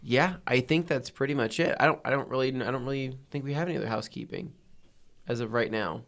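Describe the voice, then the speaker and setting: A man in his thirties hosts a casual podcast, talking in an easygoing, rambling way full of fillers. His voice sits at an ordinary middle pitch. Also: quick pace, fairly bright tone. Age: 30s. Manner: laid-back, rambling with fillers. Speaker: podcast host.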